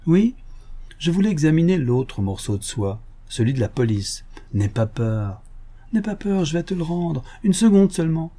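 Cocky mocking thief, man reading it, a bit higher than his normal voice, mellow tone, teasing and smug. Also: sing-song, normal speed. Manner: taunting, playful, condescending. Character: mocking, cocky gentleman thief, male adult. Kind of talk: audiobook character reading.

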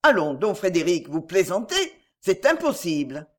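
A woman's voice: lowish voice, very animated, normal speed. A woman voicing a commanding noble duke. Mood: insistent. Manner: emphatic, insistent and earnest. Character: noble, warm but commanding duke, middle-aged man.

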